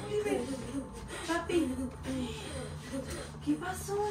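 A woman's voice: very high-pitched, takes it slowly, recorded from a distance. A young woman with a Mexican accent talking frantically at home, swearing and half laughing, half crying. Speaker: mother in a prank video. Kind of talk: casual home video talk. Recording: echoey room with loud music.

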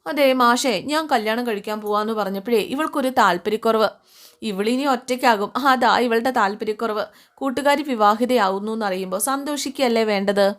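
A woman's voice: fairly high pitch, moderate pace, close to an everyday voice. A woman playing a cheerful young bride-to-be who chatters eagerly about her plans. Her voice lifts a little above the narrator's own. She comes across as a figure in a storytelling recap of a serial.

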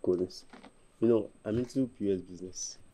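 A smug young businessman who speaks with a Nigerian Pidgin accent. He answers evasively and stays relaxed. His voice is lowish and mellow. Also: brisk. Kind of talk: Nigerian gospel comedy drama.

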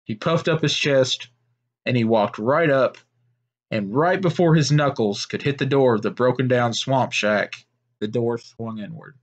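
A man narrating a made-up story in a steady, unhurried way, with small slips and restarts. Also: mid-range voice, muffled recording.

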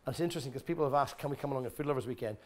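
Speaking at a racing clip in a medium pitch, this middle-aged man is a guest at an expo, chatting informally and answering questions from the crowd in a large exhibition tent. He comes across as animated and blunt, cursing without restraint and frequently starting sentences over.

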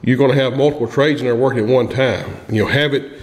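Fast and fairly even in intonation, a medium-pitched man gives practical, plain-spoken advice drawn from years in construction, often restarting as he goes. He is a podcast guest at a table in a small indoor room, captured by a boom-arm studio mic amid long, echoey reverb.

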